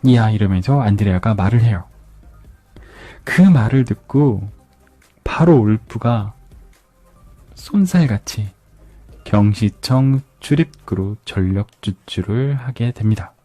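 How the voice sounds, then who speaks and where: A man calmly retelling a crime novel for an ASMR book review, often repeating phrases for effect. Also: fairly low pitch, slow, pauses often, no room sound. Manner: calm storytelling with repeated phrases. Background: soft background music.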